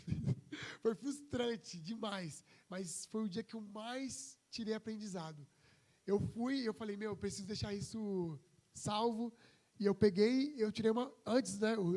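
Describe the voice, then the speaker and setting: A man's voice: high voice, dark tone. A young man from Brazil, a pastor telling a personal story in a casual, conversational sermon and acting out the voices he quotes. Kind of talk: informal testimony sermon.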